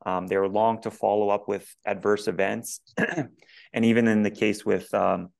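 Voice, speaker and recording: Male co-host, deep fry-heavy voice, slightly hoarse, deliberate question-asker. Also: level tone. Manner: measured, many "um" fillers, builds a long question. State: voice going hoarse. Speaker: podcast co-host. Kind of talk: conversational interview.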